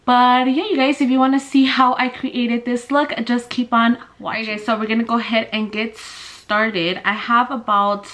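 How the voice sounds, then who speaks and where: Twenty-something woman doing her makeup and just chit chatting, says like and dude a lot, kinda out of breath, voice on the higher side. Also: flat delivery, moderate pace, few pauses, a bit bright. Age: 20s. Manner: chatty, filler-heavy with "like" and "dude". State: a little out of breath. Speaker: family vlogger. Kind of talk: casual get-ready-with-me chat.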